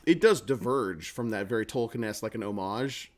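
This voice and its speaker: A man's voice: fairly low pitch, lively intonation, brisk. A man co-hosting a gaming podcast, rambling through long tangents and peppering his speech with "like". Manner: rambling, heavy use of "like". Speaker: podcast co-host, game master. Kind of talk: casual podcast chat.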